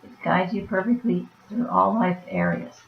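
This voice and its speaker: A woman's voice: medium pitch, normal speed, gravelly. A woman with a weak, fading voice reading oracle cards aloud and adding offhand comments. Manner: soft-spoken, reads then comments offhand. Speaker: oracle card reader. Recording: roomy, dull lo-fi sound.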